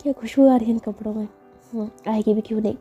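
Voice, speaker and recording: A woman's voice: on the high side, fairly even intonation, fast talker, dark tone, husky, faint music behind. A giddy lovestruck young boss, as a woman storyteller puts her on.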